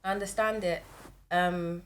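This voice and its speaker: A woman's voice: fairly low pitch, measured pace, very noisy. A woman, co-hosting a podcast, playful and teasing as she tells stories. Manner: playful, teasing, animated storyteller. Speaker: podcast co-host. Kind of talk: casual chat.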